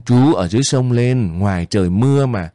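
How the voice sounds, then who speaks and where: Brief: tired, kind guerrilla officer, read by a man, quiet and reassuring, in his own voice. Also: medium pitch, animated, normal speed, dry recording, studio quality, close to an everyday voice. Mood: gentle. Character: weary middle-aged male guerrilla officer, gentle.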